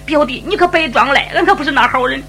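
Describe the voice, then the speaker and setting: A woman's voice: high-pitched, fast, sharp tone, faint music behind. A woman storyteller voicing a scheming young wife with a Henan accent, pleading and wheedling. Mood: refusing. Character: scheming young woman, frightened then coy.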